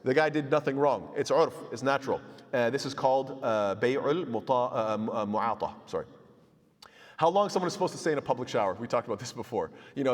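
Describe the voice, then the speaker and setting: A man's voice: medium pitch, in a large hall. A man teaching a casual Islamic law class, using Arabic terms, joking and acting out small exchanges between people. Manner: conversational, joking asides, acts out little dialogues. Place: mosque hall.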